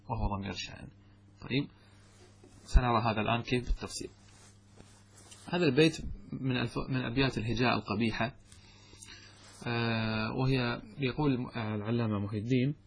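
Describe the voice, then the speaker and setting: Husky man teaching grammar. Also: medium pitch. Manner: explains step by step, asks students questions and answers them himself; recites verses and quotations in a slow chant. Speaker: sheikh teaching Arabic grammar. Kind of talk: classroom lecture on a grammar text.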